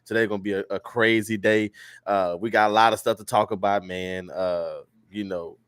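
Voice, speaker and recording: Man, podcast host, animated comic storyteller, dry sound. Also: on the low side, normal speed, smooth, dry recording. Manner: animated storyteller, laughs often, loud mock-preacher bursts. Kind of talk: casual comedic rant.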